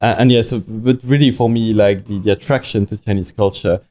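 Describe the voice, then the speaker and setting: A young man from France, founder of a watch company, speaks with a French accent in a podcast interview, halting and full of fillers and restarts. His voice is fairly low and mellow, with fairly even intonation.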